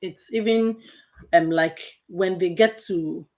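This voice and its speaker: A middle-aged woman co-hosting a casual talk about marriage, easygoing and quick to murmur agreement. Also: fairly low pitch, darkish tone. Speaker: co-host.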